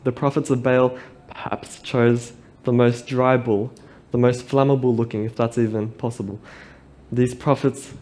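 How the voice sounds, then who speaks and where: A man preaching a sermon at a pulpit microphone, reading scripture aloud and reflecting on it in a measured, earnest way. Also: mid-range voice, a little mellow.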